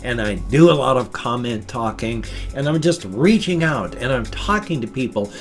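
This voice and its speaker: An older man giving a casual personal monologue as a vlogger, halting and correcting his words, his speech slightly slurred by ill-fitting dentures. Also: medium pitch, expressive, soft background music.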